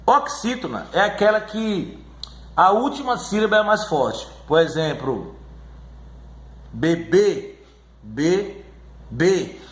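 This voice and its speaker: Man, teacher, slightly high voice, echoey room. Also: very animated, a bit bright. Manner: slow, repeats words and checks in with "certo?". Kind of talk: classroom lesson on syllables.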